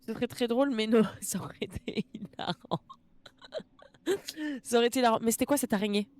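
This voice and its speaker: A woman's voice: a little high, fairly quick, a little mellow. A woman with a French accent streaming a game live, tearful, emotional, exclaiming and repeating herself.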